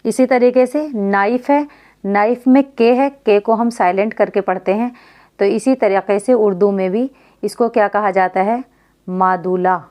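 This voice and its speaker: A woman's voice: mid-range voice, measured pace, dark tone. A woman teaching a beginner Urdu reading lesson, spelling out letters and vowel marks and asking questions that she answers herself.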